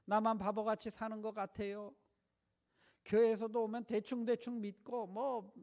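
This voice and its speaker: A male pastor preaching a sermon, putting rhetorical questions to the congregation in an animated way. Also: high-pitched, vocal fry.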